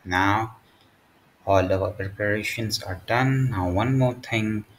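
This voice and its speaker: Faint background noise accompanies a man presenting a step-by-step software tutorial. His voice is fairly low, and he speaks very slowly in short, halting bursts.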